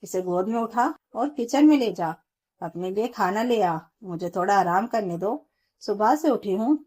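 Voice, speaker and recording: A woman's voice: medium pitch, expressive, unhurried, darkish tone, slightly rough. A woman storyteller voicing a stern, bossy mother-in-law who scolds her daughter-in-law. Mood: scolding.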